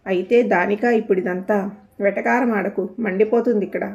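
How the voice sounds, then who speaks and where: A woman's voice: medium pitch, steady tone, moderate pace, lo-fi sound, lightly acted. A woman voicing a furious, jealous married woman who hurls harsh accusations. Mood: angry, accusing. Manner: harsh, shouting insults.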